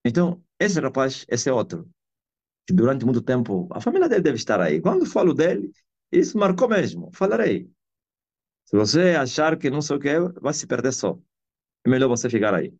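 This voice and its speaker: An apostle and preacher with an Angolan Portuguese accent delivers a sermon over a live video call, emphatic and repeating phrases to give his points weight. His medium-pitched, darkish voice is very animated and brisk, and the online call audio sounds slightly muffled.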